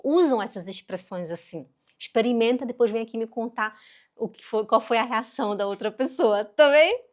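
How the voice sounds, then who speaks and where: A middle-aged woman giving a casual online language lesson, chatty and animated, slowing down carefully to model pronunciation. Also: a little high. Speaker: German teacher.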